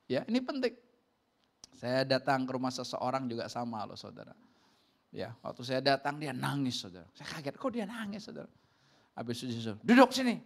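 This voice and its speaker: A man, a pastor preaching a sermon and telling stories with laughter, lifting his voice high when he quotes people. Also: creaky. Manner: animated storytelling, jumps high for quoted voices; laughs between lines.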